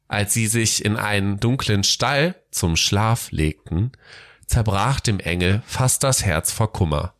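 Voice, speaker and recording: A man narrating a Christmas storybook tale in a gentle, measured way. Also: lowish voice.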